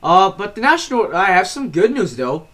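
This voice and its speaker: A man's voice: high-pitched, very animated, moderate pace, a bit bright. Rambling man streaming storm coverage. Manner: casual, rambling, frequent fillers and self-corrections. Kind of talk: live weather stream commentary.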